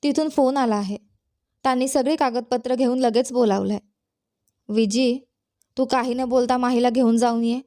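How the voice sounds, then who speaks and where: A woman voicing a gentle young mother. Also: fairly high pitch, steady tone, normal speed, long pauses, close to an everyday voice. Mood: earnest. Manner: gentle, soothing. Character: tender young mother, worried.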